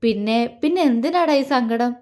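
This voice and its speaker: A gentle, protective older-brother figure in a storybook reading, voiced by a woman narrator. He speaks tenderly and coaxes with soft questions, in a fairly high voice that stays close to the narrator's own. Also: lively intonation, moderate pace, close to an everyday voice. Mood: tender, coaxing.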